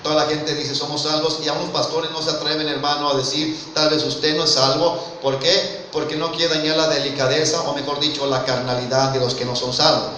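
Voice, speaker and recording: Earnest and fairly quick with few pauses, a Mexican preacher with a Mexican Spanish accent speaks in a slightly high, level, sharp voice, addressing listeners as "brother" and asking rhetorical questions. The recording comes from a distance in an echo-filled church hall, with faint noise.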